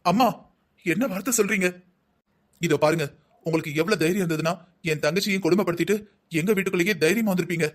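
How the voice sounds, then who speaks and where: A man voicing a stubborn young husband in a cartoon family drama, making blunt, forceful demands. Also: high voice, fast, pauses often, natural voice. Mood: angry.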